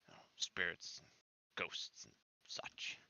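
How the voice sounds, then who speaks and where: A man's voice: takes it slowly, bright, forceful tone, no echo. A man voicing a cautious, superstitious male ship captain who speaks formally and deferentially in a tabletop role-play.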